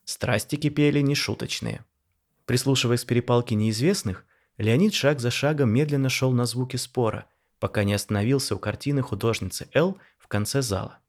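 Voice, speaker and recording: A man narrating a scripted audio story in a measured, wry storyteller manner. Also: medium pitch.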